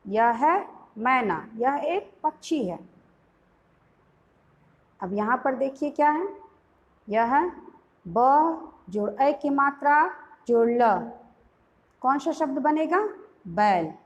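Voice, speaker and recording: A young woman teaching small children, slowly sounding out each syllable in a patient lesson. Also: fairly high pitch.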